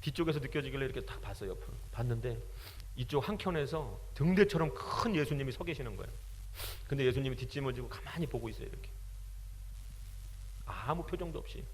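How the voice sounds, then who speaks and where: A man preaching a sermon, telling the story with passion and building up to shouting. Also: medium pitch, animated, fast, a little hiss or hum. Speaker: pastor. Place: large prayer retreat hall. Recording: long hall reverb.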